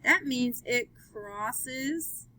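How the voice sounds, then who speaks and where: A woman's voice: high-pitched, animated, very slow, bright, forceful tone, slight background noise, low-quality recording. A woman teaching a math class, upbeat, asking students question after question as she works through graphs. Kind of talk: live classroom lesson.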